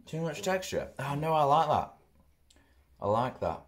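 A man's voice: on the high side, very animated, measured pace. A young man, chatting casually as he reviews food at home, talking through bites. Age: young adult. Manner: chatty, rambling, mouth often full while chewing. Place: living room at home, indoors. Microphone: camera close in front.

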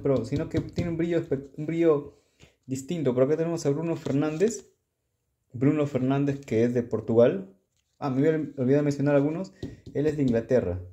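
Mellow-voiced man showing stickers. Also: mid-range voice. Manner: chatty, stumbles over foreign player names. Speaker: sticker collector vlogger. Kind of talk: casual show-and-tell.

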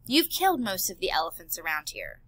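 A woman's voice: lowish voice, huge pitch swings, brisk, a bit bright, pitched below the performer's own voice, heavily acted, poor audio. A woman voicing an earnest male elephant scientist and worried father in an audiobook. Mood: pleading. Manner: earnest, pleading.

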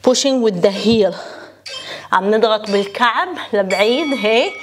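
A woman's voice: mid-range voice, a little slow, slight background noise. A young woman with a Lebanese accent, a native Arabic speaker, giving bilingual workout instruction in short imperative cues as she exercises. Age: young adult. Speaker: fitness instructor. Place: living room at home, indoors.

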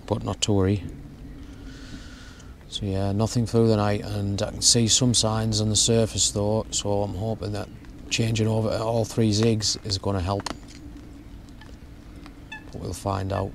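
A young man explaining his fishing setup in a relaxed, step-by-step way while outdoors at a lake. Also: on the low side, measured pace, gravelly, long pauses, slight background noise. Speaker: fishing vlogger. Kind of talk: casual how-to narration. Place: outdoors at a lakeside bank.

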